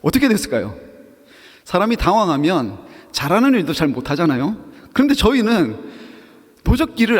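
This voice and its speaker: A man's voice: fairly high pitch, breathy edge, big-room sound. A man preaching a sermon to young adults, telling a story with acted quotes and questions to the audience. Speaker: pastor.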